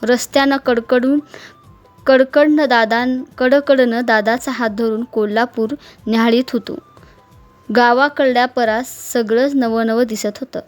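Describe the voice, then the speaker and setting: A woman reading a village short story in steady, dialect-flavoured narration. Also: fairly high pitch, measured pace, soft background music.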